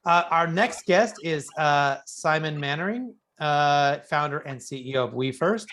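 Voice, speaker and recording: Casting: male radio interviewer, medium-high voice, casual and somewhat halting in phrasing. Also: fairly bright tone, slight background noise. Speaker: radio show host and interviewer.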